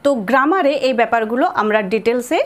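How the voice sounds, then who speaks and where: A woman with a Bengali accent teaching spoken English, repeating example sentences slowly and spelling words out letter by letter. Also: on the high side, animated.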